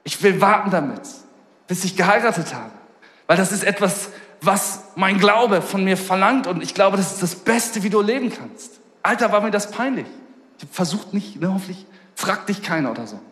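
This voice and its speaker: Fervent high-voiced male preacher, echoey hall. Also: lively intonation, normal speed, fairly bright tone. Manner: casual slangy storytelling, fervent. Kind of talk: sermon. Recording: echoey hall with long reverb.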